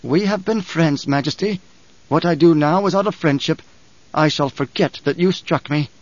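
A man voicing a secretive male count who speaks with deliberate lack of emphasis. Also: high-pitched, gravelly, no room sound, voice pushed up, heavily acted. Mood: restrained. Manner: deliberately flat, unemphatic. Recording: dull, dry studio recording.

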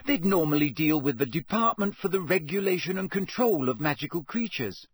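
A man voicing Hermione, a clever, bossy teenage schoolgirl who talks in a crisp, lecturing way in an audiobook reading. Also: fairly high pitch, expressive, a little fast, dry recording, studio quality, pitched above the performer's own voice. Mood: earnest, lecturing.

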